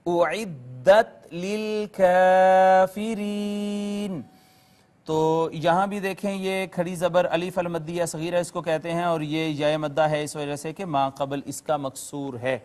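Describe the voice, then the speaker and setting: A man teaching a recorded language lesson to viewers, patiently explaining word by word and slowly reciting terms. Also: on the high side, level tone, a little mellow. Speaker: Quran teacher. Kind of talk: recorded classroom lecture to viewers.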